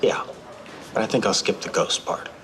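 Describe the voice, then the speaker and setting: An actor playing a police officer who speaks with dry, skeptical sarcasm. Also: male voice, normal speed, lightly acted. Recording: TV drama audio with background noise.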